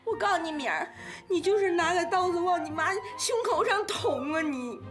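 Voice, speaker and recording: A woman's voice: extremely high pitch, expressive, moderate pace, music in the background. An actress playing a domineering middle-aged mother with a Beijing accent, scolding her daughter through tears in a TV drama. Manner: scolding, tearful outbursts. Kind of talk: TV drama acting.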